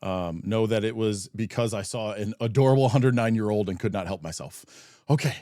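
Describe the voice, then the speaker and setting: A man's voice: lowish voice, a little fast, dark tone, no echo, studio quality. A man hosting a news magazine show, chatty and self-deprecating between stories. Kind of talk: casual studio presenting.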